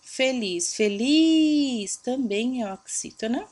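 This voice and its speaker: Young adult female primary teacher, fairly high voice, patient, drags out stressed syllables for the kids. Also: animated, normal speed. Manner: stretches out stressed syllables to show them; patient, checks in with "tá?" and "ok?". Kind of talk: going over homework answers for children.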